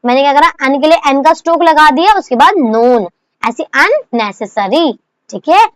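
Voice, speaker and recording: A young woman explains shorthand strokes in a lesson, high in pitch and patient. She checks in constantly and poses questions to herself. The sound is dry and close, with no room around it. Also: lively intonation, normal speed, no echo. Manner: patient, repeats "theek hai" and rhetorical questions, mixes English terms into Hindi. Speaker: shorthand teacher. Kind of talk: recorded lesson explaining by demonstration.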